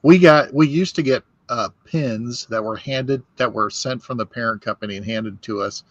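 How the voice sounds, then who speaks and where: A man's voice: mid-range voice, moderate pace, dry recording, muffled recording. A man in his fifties telling rambling workplace stories in a casual chat, often restarting his sentences. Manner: rambling storyteller, restarts and laughs. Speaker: whiskey podcast host.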